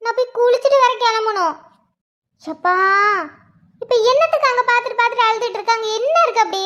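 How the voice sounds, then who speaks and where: A woman's voice: very high-pitched, fast, fairly bright tone, dull audio. A woman voicing a cheeky, nosy younger schoolgirl sister in a cartoon, prying and teasing. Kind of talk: cartoon voice acting.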